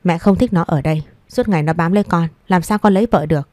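A woman's voice: fairly low pitch, quick pace, darkish tone, dry recording, close to an everyday voice. A woman reading as a scornful, bossy old mother. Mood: scornful scolding. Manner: scolding, contemptuous. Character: sharp-tongued older mother, scornful, domineering.

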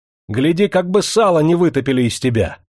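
A man's voice: fairly high pitch, animated, fairly quick, darkish tone, no echo, clean studio sound, pitched above the performer's own voice. A man voicing an angry, threatening working woman from a factory crowd in an audiobook.

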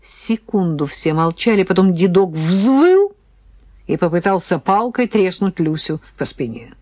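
A woman narrating an audiobook in a lively, expressive reading. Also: on the low side, measured pace, no echo. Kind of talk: scripted narration.

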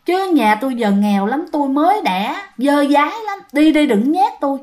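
Frightened poor young mother, put on by a woman, muttering, hushed. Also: sits high, sing-song, normal speed. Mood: pleading.

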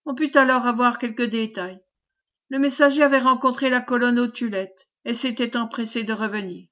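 Woman audiobook reader, somewhat high voice, steady narration, muffled lo-fi sound. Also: moderate pace. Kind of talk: scripted narration of a classic novel.

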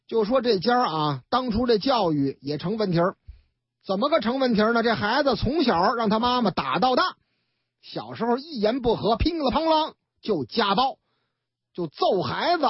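Man, Beijing accent, radio storyteller, chatty, very lively intonation, husky, dry dull broadcast sound. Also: sits high, normal speed, dry recording. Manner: chatty, acts out every character. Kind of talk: colloquial crime story narration.

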